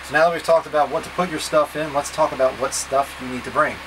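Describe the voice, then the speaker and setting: A man in his thirties acts as a trip leader, giving plain-spoken, casually directive packing instructions step by step to camera. His voice is a little high and quick, recorded indoors in a small wood-panelled boat cabin over a steady background hum and noise.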